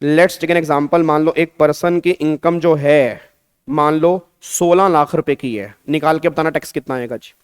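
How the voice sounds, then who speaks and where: A man's voice: a little high, measured pace, smooth, no room sound. A man with an Indian accent giving an online exam-prep tax lecture, coaxing students and repeating his questions, mixing Hindi with English terms. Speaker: tax teacher.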